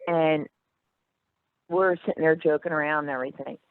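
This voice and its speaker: A woman's voice: low voice, normal speed, no room sound. A middle-aged woman telling stories in casual chat, acting out the voices of people she quotes. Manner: animated, acts out quoted voices. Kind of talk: casual storytelling. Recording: tinny phone-like line, dry.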